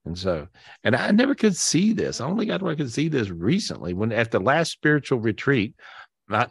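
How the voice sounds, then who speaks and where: A man's fairly low voice, dry and studio quality, carries a live spiritual talk he hosts via video call. As a spiritual teacher and podcast host, he's chatty and enthusiastic, repeating points, restarting often with "and so," and lingering on emphatic words.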